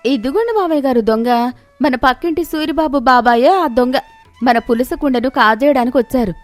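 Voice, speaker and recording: A woman's voice: high-pitched, normal speed, no room sound, faint music behind, voice pushed up, close to an everyday voice. A woman voicing a young daughter-in-law who shrieks for help and teases the thief. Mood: amused. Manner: shrieking, teasing.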